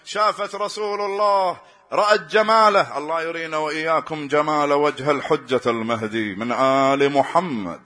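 A man preaching an impassioned religious sermon, telling stories and swelling into loud, rhythmic cries. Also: on the high side, steady tone, moderate pace, slight background noise.

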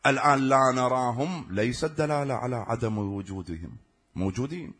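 A man's voice: mid-range voice, brisk, fairly bright tone. A man preaching a sermon, often putting rhetorical questions to his listeners.

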